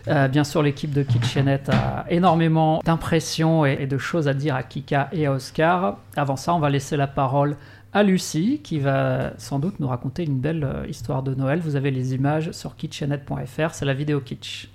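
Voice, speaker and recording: A man hosting a radio show, interviewing guests in a relaxed, chatty way. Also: a little high, normal speed, gravelly, slight background noise. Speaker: radio host.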